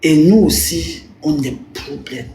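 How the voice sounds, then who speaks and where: A woman's voice: low-pitched, slow, warm tone, a little hiss or hum. A woman, a little tipsy, chatting to her live-stream viewers in a teasing, rambling way and breaking into giggles. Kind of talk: casual live-stream chat addressing viewers. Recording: roomy with faint background ambience.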